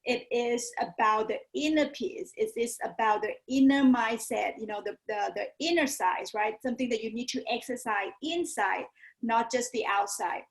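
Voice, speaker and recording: A yoga teacher from Thailand, a woman with a Thai accent, talks earnestly as a guest in a casual interview, often adding "you know" and "right?". Her voice is on the high side and she speaks at a normal speed.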